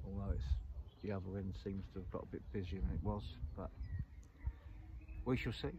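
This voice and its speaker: A middle-aged angler vlogger chats casually to camera beside a lake, at night and at dawn, repeating little phrases as he goes. His voice is low-pitched and steady in tone, and he talks fairly quickly. He wears a clip-on lapel mic, and the lo-fi outdoor recording carries clear background noise.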